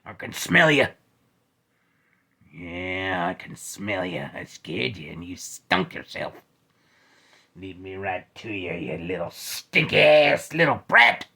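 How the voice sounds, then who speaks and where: A man voicing a menacing male cowboy killer who taunts his prey in a low growl. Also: creaky, pushed and bright, slightly rough, exaggerated voice.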